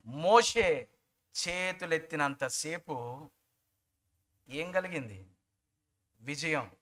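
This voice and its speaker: A man's voice: on the high side, a bit bright. A man preaching a sermon as pastor, asking the congregation questions, prompting them to answer, and mixing English words into his talk. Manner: mimics other people's remarks in quoted asides.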